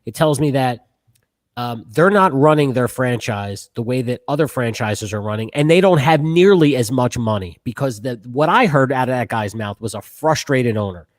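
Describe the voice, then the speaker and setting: A man's voice: medium pitch, expressive, moderate pace, dry recording, clean studio sound. A man co-hosting a sports podcast, arguing his points in a casual, emphatic and repetitive way.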